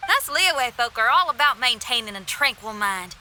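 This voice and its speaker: Bright, folksy young rocker girl Xinyan. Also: fairly high pitch, lively intonation, moderate pace, slight background noise. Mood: calm, confident. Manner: folksy, spirited. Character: spirited young woman rock musician, loyal and fiery. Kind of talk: animated video game voice acting.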